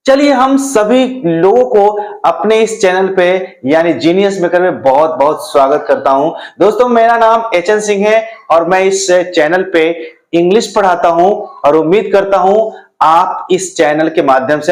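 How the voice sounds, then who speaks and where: An English teacher stands at a classroom board explaining pronunciation to viewers, asking himself questions and then answering them. His voice sits high, and the room is echoey.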